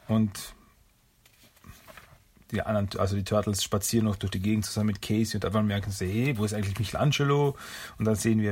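A man's voice: fairly low pitch, gravelly, darkish tone, breathy edge. A man casually retelling a cartoon episode, hesitant and full of fillers.

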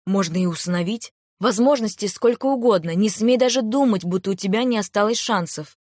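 A woman's voice: medium pitch, fairly quick, darkish tone, no room sound, studio quality, lightly acted. A woman doing a blunt, firm female friend. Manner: firm and matter-of-fact.

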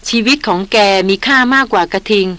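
A woman's voice: mid-range voice, brisk, sharp tone, dry recording, close to an everyday voice. A woman doing a curt veteran hunter. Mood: blunt. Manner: curt, terse. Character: gruff veteran male big-game hunter.

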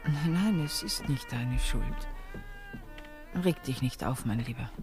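An actress playing a fragile, dreamy young expectant woman in a radio play, speaking in a hushed way. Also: extremely low pitch, animated, takes it slowly, music in the background, heavily acted.

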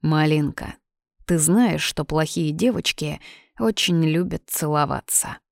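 Read by a woman, a cocky young student who teases and gives orders. The voice sits low and the sound is dry and close, read as an audiobook. The bossy manner carries through. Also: a little slow, creaky, no room sound. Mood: teasing. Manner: teasing, bossy.

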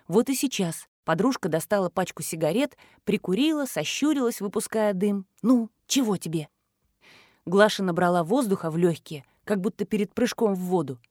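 A woman narrating an audiobook in a measured, expressive storytelling manner. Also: fairly low pitch, no echo, clean studio sound.

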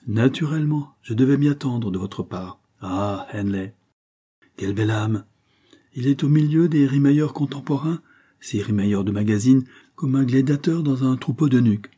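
A man's voice: medium pitch, normal speed, warm tone, husky, voice pushed up, natural voice. A male audiobook reader voicing a sardonic, fearless, frail man with a cutting, sneering delivery. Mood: scornful.

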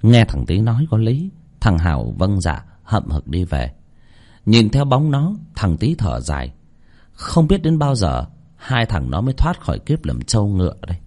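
A man narrating a folk tale aloud, in an expressive storytelling manner. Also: on the low side, moderate pace.

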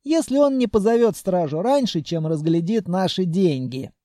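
A man's voice: high-pitched, lively intonation, normal speed, mellow, dry recording, studio quality. A man voicing a wry male companion who explains matters. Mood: sighing.

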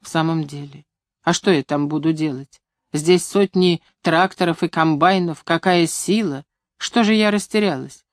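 A woman reading the part of a young female agronomist who is anxious and hesitant, and turns sharp when angered. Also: deep voice, normal speed, no echo, studio quality. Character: young woman agronomist, flustered but fiery.

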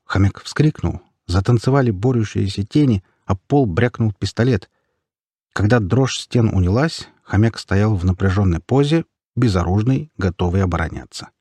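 A man narrating an audiobook in the first person, expressive in his storytelling. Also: lowish voice, moderate pace, husky, dry recording.

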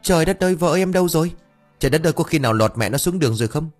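A man's voice: on the low side, lively intonation, brisk, faint music behind. A man voicing a flustered, scatterbrained young husband who rambles and blusters. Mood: panicked.

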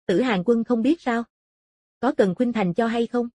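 A woman voicing a proud young dragon-clan princess in an audiobook, cool and composed in manner, in a slightly husky voice. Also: fairly high pitch, unhurried, darkish tone, dry recording. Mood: calm.

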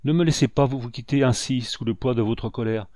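A man's voice: medium pitch, fairly quick, a little mellow, no echo, studio quality, natural voice. A man voicing a devoted, remorseful male captain, speaking humbly and pleadingly. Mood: pleading, contrite.

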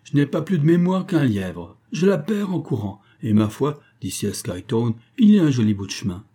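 Guy doing a cheeky young workman, husky and dark. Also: mid-range voice, big pitch swings, normal speed, voice pushed up. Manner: brash, joking. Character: cheerful young Parisian workman, cocky.

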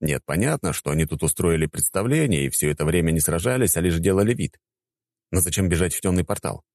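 A man's voice: sits low, lively intonation, quick pace, darkish tone, no room sound. A man narrating an audiobook in a wry, conversational storytelling manner.

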